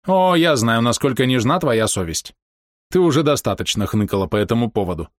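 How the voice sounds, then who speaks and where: A man's voice: mid-range voice, animated, brisk, no room sound, studio quality, natural voice. A man reading aloud and voicing a cruel, scheming woman who sneers and gives orders. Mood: contemptuous. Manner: sneering, commanding.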